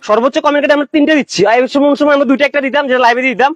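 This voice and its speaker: A man pitching bedding on a live sales stream, pushy and repetitive, calling viewers brother. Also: rapid-fire, no room sound, highs cut off. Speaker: shop seller.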